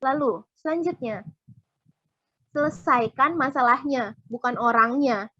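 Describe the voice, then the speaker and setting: A young woman preaches in a relaxed, conversational way, addressing her listeners as friends and slipping into little acted-out exchanges. Her voice sits high. The recording is dull and lo-fi, with a dry sound and no room around her. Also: a little slow, no echo. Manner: chatty, keeps addressing listeners as friends, acts out little quoted dialogues. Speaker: speaker at a community worship service. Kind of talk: casual youth sermon.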